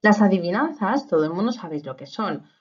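A woman teacher giving a recorded lesson to young schoolchildren, playful and expressive as she recites riddles and tongue twisters. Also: mid-range voice, a little fast, lo-fi sound. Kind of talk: recorded remote lesson for children.

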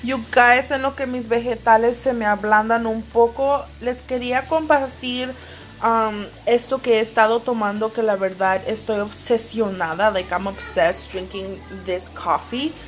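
A young woman with a slightly high voice and fairly even intonation chats at normal speed while cooking in her kitchen. Her casual vlog, filmed on a handheld phone camera, switches between English and Spanish, with faint music behind her.

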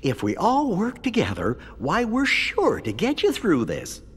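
Brief: game cutscene, a gentle cricket conscience, husky and hugely animated. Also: male voice, high-pitched, measured pace, long reverb tail, heavily acted. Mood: reassuring. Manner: gentle, reassuring, folksy. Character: kindly little male cricket conscience. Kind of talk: video game cutscene dialogue.

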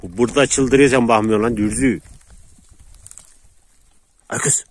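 A man outdoors in the countryside talks casually to his viewers, breaking off again and again to call and praise his dogs. His voice sits in an ordinary middle pitch, with faint background noise and dogs around him. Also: steady tone, measured pace. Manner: chatty, coaxing dogs with repeated calls. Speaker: dog owner vlogger. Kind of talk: casual vlog narration while handling dogs.

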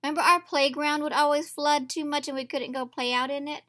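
Seated indoors at a table with a picture book, a woman teacher reads a story aloud to young children. Her high voice holds a steady tone and sounds brisk, bright and forceful as she instructs them and asks them questions directly.

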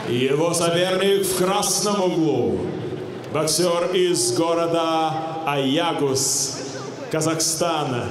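A man ring announcer giving booming stage introductions of boxers, phrasing deliberately and drawing out names. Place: large indoor boxing arena. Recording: echoey arena PA with ambient noise.

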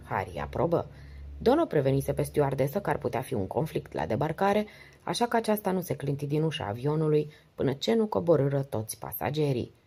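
Low, husky woman narrating an audiobook. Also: very animated, warm tone.

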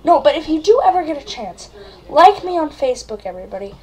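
A woman's voice: high-pitched, sing-song, fast talker, darkish tone, slight background noise, rough recording. A woman vlogger hamming it up in a comedy video, acting mock-frightened and repeating her words. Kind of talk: comedic vlog.

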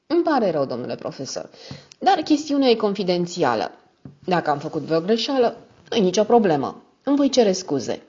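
Shrewd male detective read by a woman: courteous and measured, low-pitched. Lo-fi audiobook sound. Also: sing-song, darkish tone, husky. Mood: polite.

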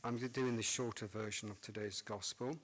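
A man's voice: fairly low pitch, fairly even intonation, moderate pace, a bit bright, slight background noise. An older man speaking as a priest in a church, in the style of a liturgical reading and homily. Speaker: priest reading the Gospel and preaching. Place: church sanctuary, speaking from the lectern.

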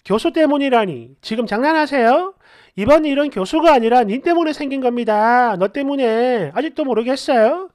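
A woman's voice: sits high, expressive, moderate pace, darkish tone. A woman reading out online posts and comments with sarcastic, scolding commentary.

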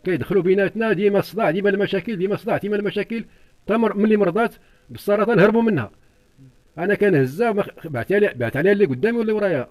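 Older Moroccan man interviewee, rapid pleading delivery, high-pitched voice, repeats himself. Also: a little mellow. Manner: urgent, repetitive, pleading. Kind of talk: distressed eyewitness account.

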